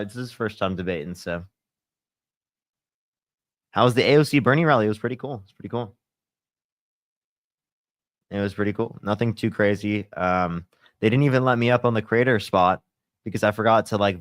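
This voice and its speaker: This young streamer chats casually with viewers, leaning heavily on fillers like "like" and "you know," his throat sore and a bit congested. He talks at normal speed with long pauses, in a fairly low voice with no echo.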